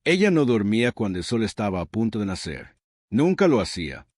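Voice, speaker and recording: A man's voice: on the low side, sing-song, fairly quick, darkish tone, no echo, studio quality. A man narrating a dramatic story in a solemn, scripted storytelling style.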